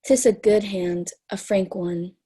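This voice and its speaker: Jealous suspicious general played by a young woman, husky voice, amateur shakespeare scene, measured delivery. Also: mid-range voice, fairly even intonation, dark tone. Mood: probing. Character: jealous suspicious male general, a grown man. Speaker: student actor.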